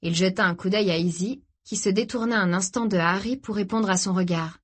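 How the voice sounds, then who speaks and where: A woman reading a novel aloud as narrator in a measured, even way. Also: mid-range voice, slightly rough. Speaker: audiobook narrator. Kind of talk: scripted narration.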